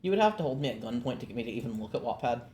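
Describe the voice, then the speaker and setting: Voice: mid-range voice, animated, rapid-fire, darkish tone, a little hiss or hum. A co-streamer chatting casually on a gaming stream, teasing and telling stories with animation.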